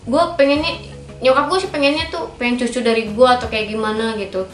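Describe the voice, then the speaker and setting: A woman's voice: a little high, fairly even intonation, fairly quick. A woman, speaking frankly and firmly as a guest about her own life. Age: 30s. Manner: frank and firm, many filler tags. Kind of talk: candid personal interview. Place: small indoor pink-decorated studio. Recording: roomy echo with faint background music.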